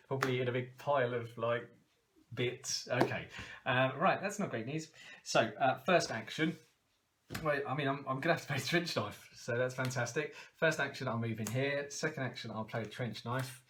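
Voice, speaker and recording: Excitable man playing a card game. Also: mid-range voice, slight background noise. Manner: excitable, laughs often, talks to himself. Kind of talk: casual game playthrough commentary.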